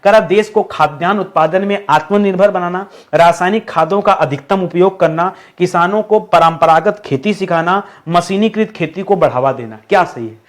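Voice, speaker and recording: Male teacher, fairly high voice, chatty exam-prep explainer who quizzes his class rhetorically. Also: moderate pace, few pauses. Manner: explains by repeating questions to students, addresses them as friends. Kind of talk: exam-prep grammar lesson.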